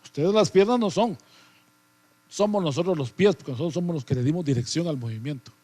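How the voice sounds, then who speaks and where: A man's voice: fairly high pitch, a little fast, dark tone, lightly acted. A man voicing proud talking feet that contradict the legs. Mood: arguing. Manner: arguing, contradicting.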